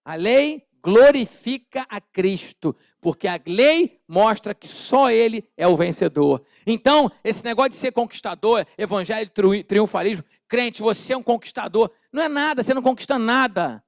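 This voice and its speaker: High gravelly Brazilian pastor preaching. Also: male voice, normal speed, few pauses, dry recording, clean studio sound. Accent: Brazilian Portuguese. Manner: animated, acts out little scenes with shouted voices; calls on the congregation to repeat phrases. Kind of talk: sermon. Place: church.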